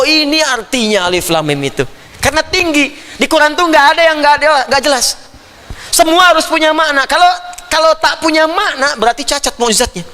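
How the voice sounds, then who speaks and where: A man delivers a Quran commentary lecture with a high, lively voice that climbs and dips constantly. His tone is bright and forceful, and he breaks into playful imitations of foreign phrases. The sound carries the long reverb of a large hall. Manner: animated, playful asides, mimics foreign phrases. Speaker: Islamic preacher.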